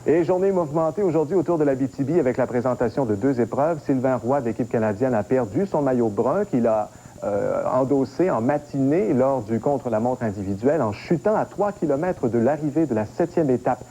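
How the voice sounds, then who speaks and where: A male sports anchor with a Quebec French accent presents a bulletin, moving between script and ad-lib. His voice is mid-pitched and very mellow. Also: expressive, brisk.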